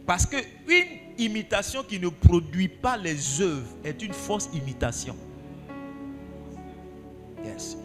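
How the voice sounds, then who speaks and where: A man's voice: high-pitched, sing-song, slow, pauses often, big-room sound, music in the background. A male pastor preaching a sermon, asking his congregation questions and repeating key phrases for emphasis.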